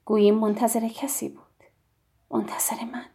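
A woman narrating a novel as an audiobook, in a hushed, intimate reading that drops to a whisper. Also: fairly high pitch, level tone, breathy edge.

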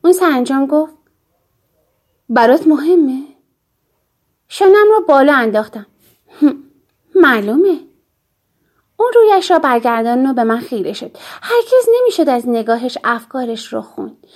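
Brief: woman audiobook narrator, high-pitched yet mellow, calm and measured.

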